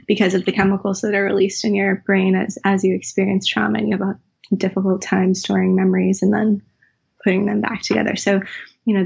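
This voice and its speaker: Gravelly and slightly rough at medium pitch, this woman, a writer and teacher from the United States, gives thoughtful answers in a conversational interview. She restarts and uses filler as she searches for her point, and the lo-fi recording sounds dull.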